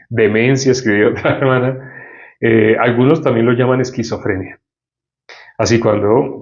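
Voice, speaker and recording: Guy telling a story in a sermon, animated, acts out voices, sounds lo-fi. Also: mid-range voice. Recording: dull lo-fi recording.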